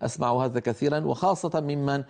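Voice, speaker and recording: Man teaching recitation, mellow voice. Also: mid-range voice, fast, creaky. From the Levant. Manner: explanatory, demonstrates sounds by drawing out syllables. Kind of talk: tajweed lesson.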